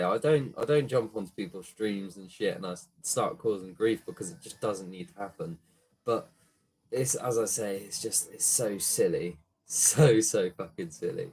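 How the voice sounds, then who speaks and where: A small gaming YouTuber, a young man, rants casually to the camera in a lowish, slightly mellow and husky voice. He swears a lot and rambles with plenty of fillers, and the recording quality is rough.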